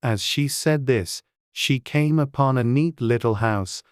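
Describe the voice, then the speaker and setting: A woman's voice: a bass voice, measured pace, dry recording, studio quality. A woman narrating a classic storybook in a dramatized audiobook reading.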